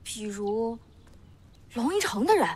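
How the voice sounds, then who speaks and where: A woman's voice: fairly high pitch, sing-song, slow, a little mellow, husky, in a large hall, heavily acted. An actress playing a young female attendant in a costume drama, inquisitive and outspoken, deferential yet pressing. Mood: probing.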